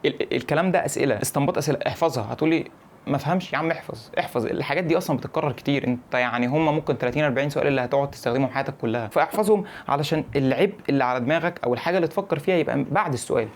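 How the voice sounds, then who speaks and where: A man's voice: mid-range voice, slight background noise. A young man with an Egyptian Arabic accent giving casual advice to camera, repeating his points and checking that the viewer follows. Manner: rapid, animated, repeats points and checks in with "فاهم؟". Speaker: English-learning YouTuber.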